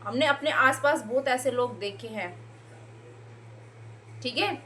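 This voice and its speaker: Sarcastic high-voiced woman scolding her rivals. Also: slow pace, sharp tone, a little hiss or hum. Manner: scolding, sarcastic, mocks others by mimicking them. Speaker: YouTube reaction commentator. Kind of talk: heated reaction commentary.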